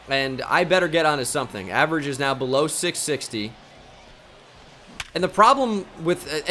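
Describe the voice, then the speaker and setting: Bright-voiced young man commenting on a game. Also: medium pitch. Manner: excitable, swings between frustration and self-mockery. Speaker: gaming channel host. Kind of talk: live gameplay commentary.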